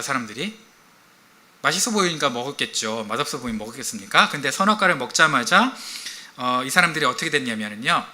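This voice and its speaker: A middle-aged man preaches in a lively, conversational way, joking with the congregation and asking them questions. His voice is very bright and forceful and sits a little high for a man. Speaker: pastor. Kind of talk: sermon.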